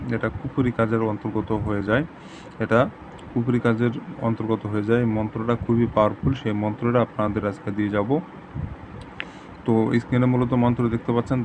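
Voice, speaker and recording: A man with a low, flat voice talks through step-by-step instructions, repeating each point steadily like a patient teacher. Clear background noise and the hum of passing traffic sit behind him. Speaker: tantric channel host. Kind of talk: instructional talk to camera.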